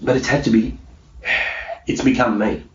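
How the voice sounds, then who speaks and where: A middle-aged man with a mid-range voice answers interview questions as a peak performance hypnosis coach, speaking at a moderate pace in a steady tone. He sounds emphatic and self-assured, repeating key phrases for effect. The recording is dull and faintly noisy, captured on a distant mic in an echoey room.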